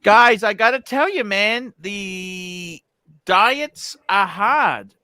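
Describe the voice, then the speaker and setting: A man's voice: high-pitched, lively intonation, very slow, sharp tone, dry recording, studio quality. A man chatting bluntly and casually, heard through choppy, stuttering video-call audio that drops and drags. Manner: blunt, swears freely, opinionated. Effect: choppy, stuttering online-call audio. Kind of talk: casual group chat.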